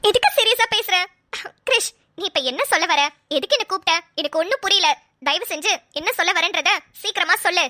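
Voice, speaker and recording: A woman voicing a lively young woman who teases her childhood friend in quick banter. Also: very high voice. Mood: teasing.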